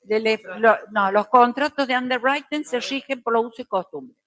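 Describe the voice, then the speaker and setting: A middle-aged woman teacher, lecturing a class slowly and deliberately with careful diction. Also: fairly high pitch, a bit bright, no room sound.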